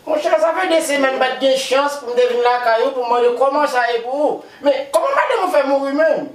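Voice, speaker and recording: A man's voice: extremely high pitch, expressive, brisk. A man with a Haitian accent playing a grief-stricken widower who sobs, wails and keeps calling out to Jesus. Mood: lamenting. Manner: repeats words, cries out to Jesus. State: wailing and sobbing. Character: grief-stricken man mourning his dead wife.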